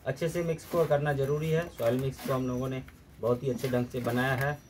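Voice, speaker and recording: A man giving a steady, step-by-step gardening demonstration, often mixing English terms into his explanations. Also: mid-range voice, brisk, a little hiss or hum. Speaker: gardening instructor.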